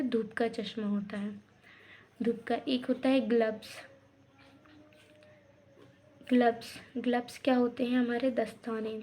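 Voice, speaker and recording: Mellow-voiced woman teaching grammar step by step. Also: on the high side, a little hiss or hum. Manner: explains step by step with frequent checks. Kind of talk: English grammar lesson.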